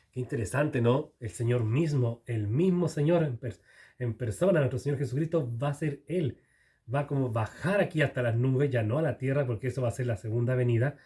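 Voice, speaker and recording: A man's voice: mid-range voice, warm tone. A man teaching a Bible passage verse by verse, chatting with the listeners, asking them questions and often correcting himself. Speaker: preacher.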